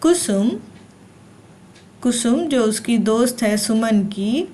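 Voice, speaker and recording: A woman's voice: on the high side, lively intonation, slow pace, dark tone. A woman teacher reading a lesson aloud to young children, repeating each line and asking then answering her own questions.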